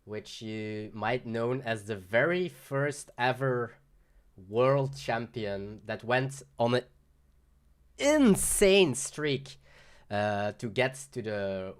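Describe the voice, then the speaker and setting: A man's voice: medium pitch, lively intonation, slow, clear, resonant tone. A young man casually commentating a card game livestream, rambling with fillers and laughs.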